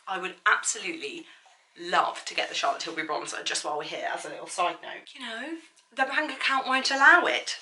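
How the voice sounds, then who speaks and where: Bright-voiced woman with a slight lisp. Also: fairly high pitch. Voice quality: slight lisp on s sounds from dental aligners. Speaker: beauty vlogger. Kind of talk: casual chatty makeup tutorial.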